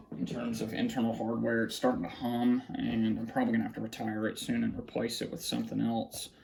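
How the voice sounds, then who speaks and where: In a rough recording from a small, cluttered room at home, a hobbyist walks through his weather radio collection in a casual, halting show-and-tell. He has a creaky, medium-pitched voice and half talks to himself, muttering while he handles the gear. Clicks, handling sounds, and faint background noise are present.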